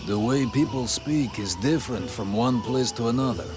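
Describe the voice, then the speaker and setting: A man's voice: medium pitch, moderate pace, lightly acted. Man as a formal knight over music. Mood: courteous, formal. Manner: formal, speaks of himself in third person. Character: polite foreign knight of a swamp town. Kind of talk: video game voice acting. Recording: game audio with music.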